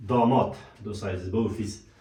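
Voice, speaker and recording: Guy teaching words, says them slow and repeats a lot, sounds far off and roomy. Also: fairly low pitch, steady tone, warm tone, slight background noise. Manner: repeats words slowly, addresses students as dear friends. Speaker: language teacher. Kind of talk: teaching a vocabulary lesson. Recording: echoey room, voice away from the mic.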